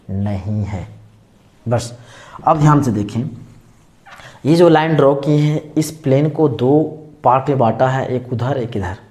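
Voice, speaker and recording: Mellow-voiced male maths teacher. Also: medium pitch. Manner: explains step by step, asks and answers his own questions. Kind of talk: classroom lecture.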